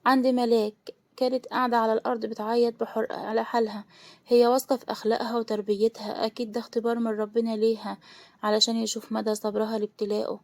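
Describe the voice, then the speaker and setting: A woman with an Egyptian Arabic accent narrates a dramatic romance story fast and emotionally, giving the characters' lines real feeling. Her voice is a little high, level and darkish in tone.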